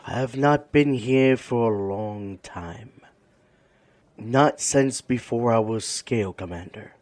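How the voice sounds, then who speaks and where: A man's voice: on the low side, a little mellow, no echo. A man reading game quest dialogue aloud in a grave, solemn, dramatic style.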